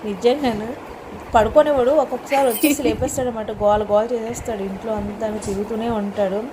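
A chatty woman with a Telugu accent hosts a casual home vlog. Her voice is fairly high and she talks quickly, in a homely narrating style. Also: steady tone, noisy background.

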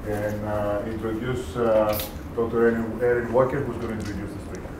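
A man's voice: lowish voice, level tone, a little fast. A man opening a colloquium and handing over to another speaker, in a casual, hesitant way. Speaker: colloquium coordinator. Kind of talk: event opening. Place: classroom lecture room. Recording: echoey room from far off, noisy.

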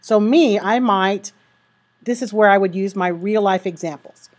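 A woman teacher with the hiccups, talking students through how to write a paragraph and reading sample sentences slowly. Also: medium pitch. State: has the hiccups. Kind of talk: recorded writing lesson.

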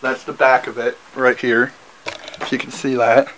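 A man's voice: medium pitch, flat delivery, normal speed, noisy background. Young man rambling through a casual haul. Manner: rambling, repeats himself, frequent ums. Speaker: vlogger. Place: small bedroom, indoors. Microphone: camera mic, seated facing camera.

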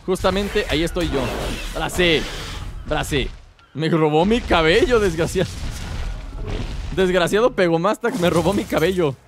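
A man's voice: high voice, a little slow, pauses often, music in the background. A man hosting a multiplayer game session, chatting and hyping up every hit. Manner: loud hype shouting at kills. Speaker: gamer host. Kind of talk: excited multiplayer gaming chat.

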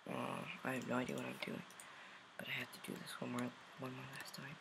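A man quietly muttering commentary while playing a game, concentrating and reacting to each round. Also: mid-range voice, completely flat delivery, fast talker, gravelly, background noise. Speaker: gamer.

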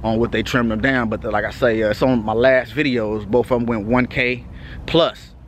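A man's voice: mid-range voice, steady tone, moderate pace. Texan man, casual vlog chat, laid-back and rambling, outdoors at night, faint vehicle noise. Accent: Texas. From Texas. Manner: laid-back, loose, repeats "you know what I'm saying". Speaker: vlogger.

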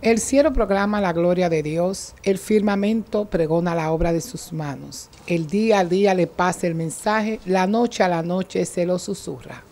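A woman, a lector, reading a psalm in a measured way at Mass in a chapel. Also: fairly low pitch, darkish tone. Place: chapel, at a lectern.

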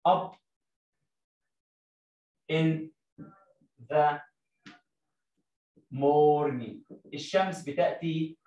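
A man with an Egyptian Arabic accent, teaching an English lesson. He reads English sentences slowly, word by word, and asks questions that he answers himself. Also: on the high side, echoey room, poor audio. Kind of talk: explaining a lesson to young pupils.

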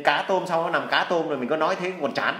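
A man's voice: a little high, quick pace, pushed and bright, roomy sound. A man giving earnest, folksy Buddhist advice in a casual, preachy way. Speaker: healer giving spiritual advice.

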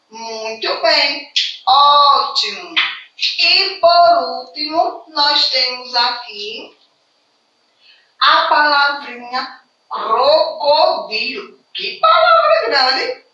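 A woman with a Brazilian Portuguese accent gives a children's lesson in a bright, high voice. She speaks slowly and sweetly, full of diminutives. The recording is dull and echoey, with her a bit away from the mic. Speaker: primary school teacher. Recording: echoey, distant and dull home video.

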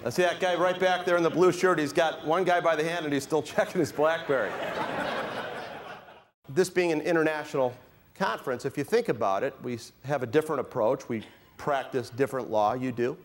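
A man's voice: on the high side, brisk. A middle-aged man giving a keynote speech at a conference, joking with the audience and asking for a show of hands. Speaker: keynote speaker. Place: conference hall with a live audience.

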